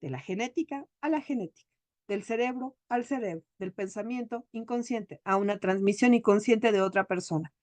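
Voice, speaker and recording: An emotional therapist and speaker gives a chatty storytelling talk, animated and full of anecdotes. Her mid-range voice moves at a normal speed, with no room sound.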